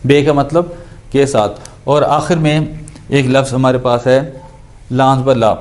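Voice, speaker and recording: Lecturing in Urdu on Quranic Arabic grammar, a man explains every word and asks questions he then answers himself. His voice is medium-pitched and darkish, with a flat delivery.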